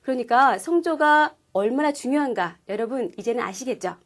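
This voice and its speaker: A woman teaching a language class, explaining pronunciation clearly and patiently. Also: on the high side, moderate pace. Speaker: Korean-speaking Chinese language teacher. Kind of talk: scripted lesson presentation.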